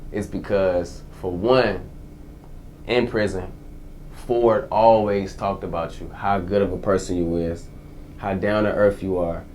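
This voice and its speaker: A man's voice: fairly low pitch, mellow, a little hiss or hum. A man in his twenties answering interview questions casually, with slang and repeated phrases. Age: 20s. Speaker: guest, formerly incarcerated entrepreneur.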